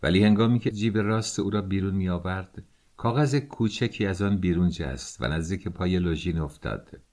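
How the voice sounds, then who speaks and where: A man narrating an audiobook in a measured, steady way. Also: low voice.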